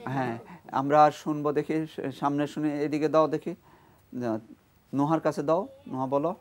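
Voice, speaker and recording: A man teaching Quran reading on a TV lesson, spelling out each letter and vowel mark and having a group of children repeat after him, now and then reciting the verse in a slow, drawn-out way. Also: a little high, fairly even intonation, darkish tone. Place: TV studio with a children's class. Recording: broadcast studio with a group of children. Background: children chanting along.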